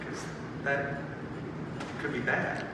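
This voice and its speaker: A man's voice: medium pitch, takes it slowly. A man co-hosting a satirical comedy chat, throwing in dry joking asides. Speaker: podcast co-host. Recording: distant, echoey, noisy room.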